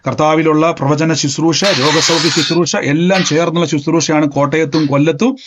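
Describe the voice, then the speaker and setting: A man leading an online prayer meeting as preacher, commanding and fervent, repeating phrases and building to loud proclamations. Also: a little high, fairly even intonation, normal speed, background noise. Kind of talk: Pentecostal healing prayer and sermon. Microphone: video call. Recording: dull lo-fi online call audio.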